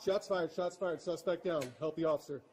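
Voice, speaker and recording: A police officer making clipped, urgent radio calls, heard distantly through bodycam audio. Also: male voice, a little high, steady tone, a little fast, darkish tone.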